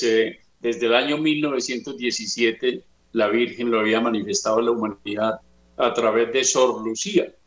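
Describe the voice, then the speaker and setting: A man giving an earnest religious talk, slow and emphatic, retelling scripture stories. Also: fairly low pitch, a bit bright. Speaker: speaker on family and faith. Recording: roomy echo.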